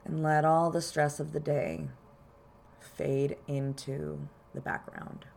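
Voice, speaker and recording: Low-pitched woman leading a calm grounding exercise. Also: slow, creaky, slight background noise. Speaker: podcast host and card reader.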